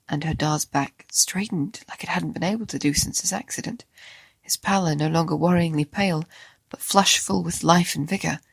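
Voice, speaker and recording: A storyteller reading an original short story in a gentle, measured way. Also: medium pitch, vocal fry, slightly rough, dry recording. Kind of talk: scripted narration.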